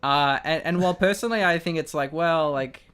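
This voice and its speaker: A man's voice: fairly high pitch, brisk, a bit bright, clean tone. A young man with an Australian accent, co-hosting a casual chat over a webcam, rambling with many restarts and fillers. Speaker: co-host.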